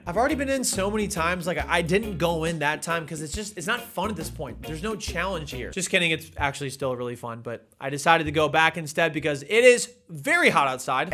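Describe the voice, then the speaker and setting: A man's voice: on the high side, sharp tone. A young man from Northeast Ohio with a Midwestern accent, narrating his vlog in a wry, self-mocking voice-over. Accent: Midwestern American. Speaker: vlogger.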